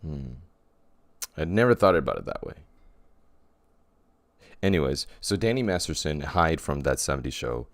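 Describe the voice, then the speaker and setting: Male podcast co-host with a very deep voice and a dry, close sound; loose, rambling talker who keeps restarting. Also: lively intonation, normal speed, long pauses, no echo. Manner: rambling, often restarts and corrects himself. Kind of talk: casual chat.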